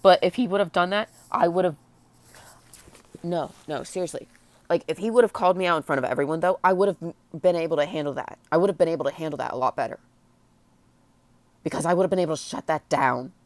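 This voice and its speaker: A woman crying and very upset, venting personally in a blubbering, tearful, halting way. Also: on the low side, no room sound. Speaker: vlogger. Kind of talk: emotional personal vent to camera.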